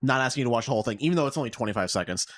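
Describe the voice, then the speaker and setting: This podcast co-host has a mid-range, slightly bright voice and talks in rapid-fire, expressive bursts. He rambles through an exasperated rant full of fillers in casual chat, and his sound comes through his mic on an online call.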